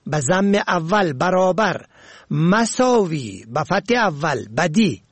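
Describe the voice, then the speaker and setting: A man presenting a radio language lesson, reading slowly and carefully and spelling words out letter by letter. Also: high-pitched, dry recording.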